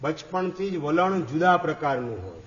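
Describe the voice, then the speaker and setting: A man's voice: on the high side, very animated, normal speed, lo-fi sound. A man, a monk, giving a sermon and quizzing listeners by name. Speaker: Jain monk.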